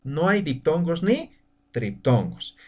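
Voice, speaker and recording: Lively man teaching vowel rules. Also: a little high. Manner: explains slowly, stretches example words, checks in with "¿no?" and "¿ya?". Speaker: language teacher. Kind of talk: spoken lesson over slides.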